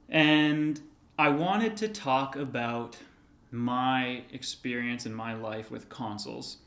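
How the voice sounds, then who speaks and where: A man in his thirties, a vlogger casually telling personal stories to the camera in a relaxed, reminiscing way with light filler words. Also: medium pitch. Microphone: camera held by another person. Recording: roomy echoey room sound.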